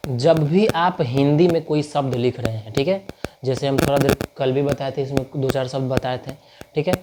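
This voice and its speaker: A man teaching a spoken lesson, chatty, often checking whether learners follow and repeating example words slowly to show their sounds. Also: medium pitch, noisy background. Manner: chatty, keeps asking learners if they understand. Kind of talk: spoken Hindi writing lesson.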